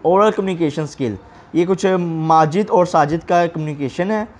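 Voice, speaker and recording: A man teaching an English lesson, reading exercise lines slowly and explaining them with frequent fillers. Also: on the high side, a little mellow.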